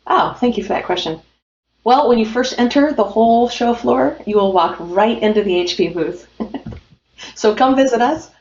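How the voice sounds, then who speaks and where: Speaking a little high at a moderate pace, this US woman has a darkish tone, with slight background noise. She's a printing-company guest in a remote business interview, chatting cheerfully and promotionally while leaning on fillers. Faint music plays in roomy, dull-sounding audio.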